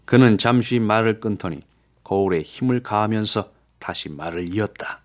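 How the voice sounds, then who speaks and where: A man narrates an audiobook in a steady, even storytelling style, his voice on the low side and moderately paced.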